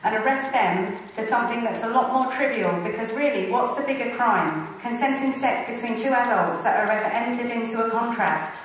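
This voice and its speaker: A woman's voice: a little high, brisk, few pauses, slight background noise. A woman campaigner giving an indignant, rhetorical speech. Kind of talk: impassioned speech. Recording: echoey hall from far off.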